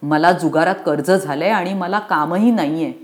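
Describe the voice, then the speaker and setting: A woman voicing a gentle, ashamed village uncle in a storybook reading, speaking in an earnest way. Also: lowish voice, normal speed, natural voice.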